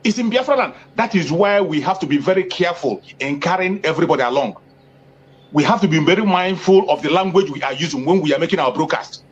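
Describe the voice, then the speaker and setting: A man talks as an activist in an interview, impassioned and political, speaking fast and expressively. He is emphatic, repeating phrases for force and raising his pitch as he stresses points. The lo-fi audio sounds dull, with a little hiss or hum.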